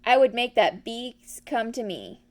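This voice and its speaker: A woman's voice: fairly high pitch, lively intonation, unhurried. A woman voicing a fussy, self-important male rabbit who scolds and lectures in a children's storybook. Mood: smug lecturing.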